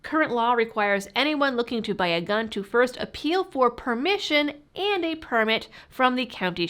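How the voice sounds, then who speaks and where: Stuffy, muffled woman with a lively voice. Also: on the high side. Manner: sarcastic, pointed delivery. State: sick with a cold, stuffy and muffled like talking through a fishbowl. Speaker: political commentary channel host. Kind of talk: scripted political commentary.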